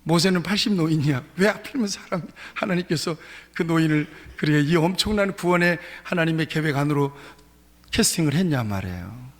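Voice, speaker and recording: Husky pastor preaching in echoing hall. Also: male voice, fairly high pitch, lively intonation, a little fast. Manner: emphatic preaching with repeated phrases. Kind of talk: sermon. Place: church sanctuary. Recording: reverberant church hall.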